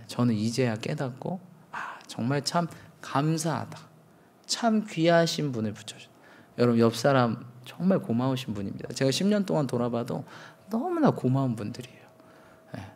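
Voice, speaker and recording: A man's voice: medium pitch, creaky, a little mellow, slight background noise. A man in his thirties, a pastor preaching a sermon, telling candid self-mocking stories and acting out quotes.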